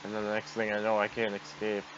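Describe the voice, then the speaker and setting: A man's voice: lowish voice, completely flat delivery, fast, fairly bright tone. A man giving casual commentary as he hosts a gameplay video. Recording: dull noisy home microphone.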